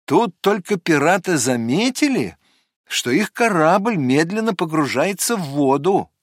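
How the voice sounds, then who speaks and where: A man narrating a fairy tale audiobook in an expressive, measured storytelling manner. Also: fairly high pitch, dry recording, studio quality.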